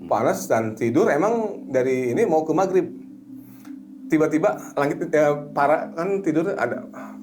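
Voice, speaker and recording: Man telling stories with music behind. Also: a little high. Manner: animated storytelling, softens into slow soothing suggestion voice. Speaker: hypnotherapist guest. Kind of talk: casual chat.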